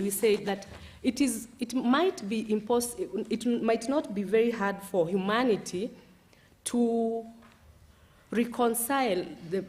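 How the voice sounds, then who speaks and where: A woman presenting a paper at a conference, speaking in a halting way with frequent restarts. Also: medium pitch, a little mellow. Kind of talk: academic presentation.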